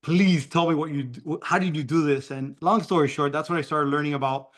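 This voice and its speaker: A man with a Cuban-American Miami accent tells his story at a rapid clip on a video call. He talks in a rambling way, full of fillers and restarts. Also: on the high side, fairly even intonation. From Miami, Florida. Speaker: guest speaker.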